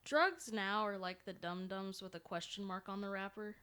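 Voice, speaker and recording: A woman's voice: mid-range voice, steady tone, moderate pace, sharp tone, clean tone. A young woman co-hosting a podcast, chatting casually with dry, blunt quips. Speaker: podcast co-host. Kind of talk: casual chat.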